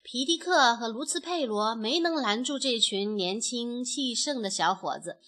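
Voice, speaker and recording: A woman, a mother, narrating a children's storybook in an expressive, animated way. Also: on the high side, moderate pace.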